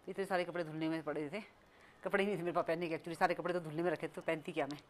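A family vlogger with a low, steady voice talks rapid-fire as she casually narrates at home and outdoors, filmed on a phone camera. She is chatty and scolding as she rambles, with slight background noise.

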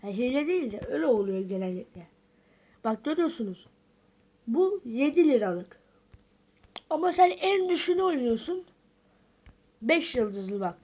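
A woman's voice: sits high, very animated, normal speed, long pauses, warm tone, muffled recording. A woman giving casual gameplay commentary, talking to viewers and muttering reactions as she plays. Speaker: gaming video host.

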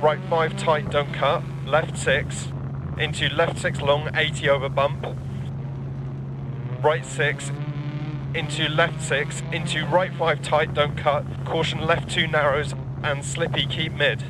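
Loud racing-car noise, focused video game rally co-driver, slightly high male voice, rapid pace notes, clipped instructions. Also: level tone. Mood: focused, terse. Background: racing car engine and road noise.

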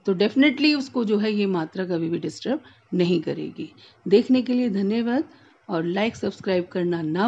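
A woman teaching a basic Hindi lesson for children, repeating each word slowly and stretching its sounds. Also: medium pitch, darkish tone, dull audio. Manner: drawn-out, emphatic word repetition.

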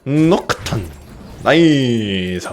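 A young man streaming a video game, giving excited casual commentary, often yelling and swearing during fights. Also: medium pitch, extremely slow, slight background noise. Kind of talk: excited live gameplay commentary.

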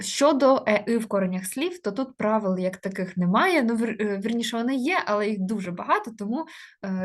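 A woman teaching an online grammar lesson. She explains step by step with many hesitation fillers and slows down to spell out example words. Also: mid-range voice.

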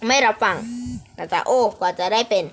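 A young woman giving playful, animated commentary while playing a mobile game, often squealing with excitement. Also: medium pitch, fairly quick. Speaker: gaming streamer.

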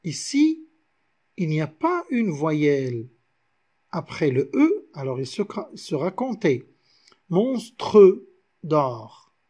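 A man's voice: on the high side, huge pitch swings, a little mellow. A man with a Moroccan French accent teaching a video lesson, explaining step by step and counting syllables aloud. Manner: slow, explains step by step with examples. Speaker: literature teacher.

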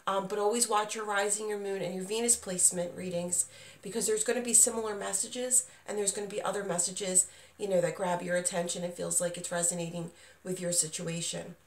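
Speaking a little fast in a level, mid-range voice, a woman gives an unscripted tarot reading, reassuring and addressing the listener head-on. She hosts the channel and is recovering from being sick, so her voice lacks full strength. Recorded indoors at a table in a small, dim room, the audio has roomy echo from a distant microphone.

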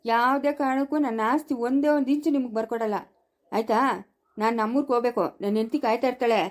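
A woman's voice: on the high side, fairly even intonation, fast talker, voice pushed down, lightly acted. A woman voicing a stubborn, forgetful old village man who grumbles with suspicion. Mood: suspicious.

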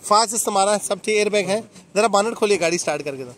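A man's voice: sits high, quick pace, a bit bright. A man filming a walk-around vlog at an outdoor used car market, chatting with sellers and repeating their numbers back. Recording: outdoor street noise and engines.

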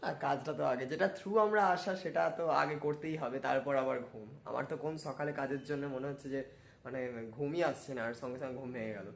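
A man's voice: mid-range voice, quick pace, vocal fry, roomy sound. A man talking casually to camera as a travel vlogger. He chats with his viewers as friends and mixes English words into his talk.

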